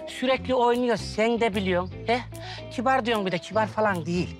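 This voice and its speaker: A man's voice: high voice, brisk, natural voice. An actor playing a lovesick, hot-headed young man who complains dramatically in a sitcom. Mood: furious. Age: young adult. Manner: dramatic, exaggerated, whiny outbursts. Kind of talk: TV sitcom acting. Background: background music.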